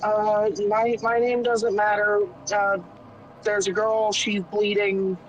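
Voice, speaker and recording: A man's voice: high-pitched, level tone, takes it slowly, highs cut off, slight background noise. A man playing a tabletop game, speaking hesitantly and stammering in character. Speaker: player. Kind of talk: casual tabletop play.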